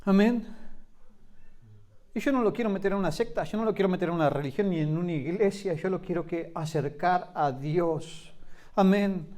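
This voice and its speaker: A man, preaching a sermon as pastor, swinging from loud emphatic lines to soft low asides.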